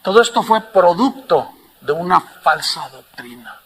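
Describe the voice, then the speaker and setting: Male pastor, high bright voice, fervent preaching, faint noise behind. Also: sing-song, measured pace. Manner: impassioned, shifts from hushed to loud. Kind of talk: sermon.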